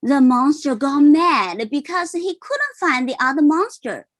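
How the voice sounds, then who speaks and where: A parent reads a picture book aloud, slowly and expressively, in a high voice. She keeps the storytelling simple and explanatory, adding asides and checking in with her listeners.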